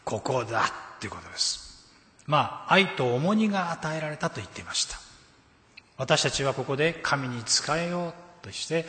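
A man's voice: medium pitch, fairly bright tone. A man preaching a sermon, telling a story and stressing scripture quotes. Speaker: pastor. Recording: echoey hall with long reverb.

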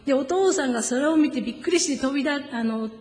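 Woman preacher, fairly high voice, reverberant church hall. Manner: gentle storytelling, slows down for solemn emphasis. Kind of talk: sermon with personal stories. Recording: echoey hall with long reverb.

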